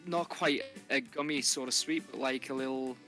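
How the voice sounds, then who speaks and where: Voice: mid-range voice, normal speed, sharp tone, soft background music. A British player with a sweary, casual way of talking while improvising in a tabletop game. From United Kingdom. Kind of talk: casual improvised role-play chat.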